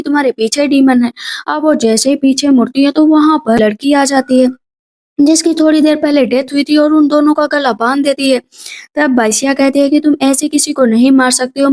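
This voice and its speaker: A woman narrating a movie recap with brisk storytelling. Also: sits high, a little mellow. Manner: storytelling, brisk plot summary.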